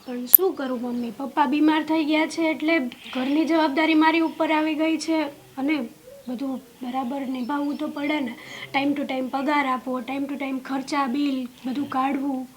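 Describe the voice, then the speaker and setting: A woman playing a high-voiced, hardworking young daughter. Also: fairly even intonation, normal speed, close to an everyday voice. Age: young adult. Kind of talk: Gujarati short film drama.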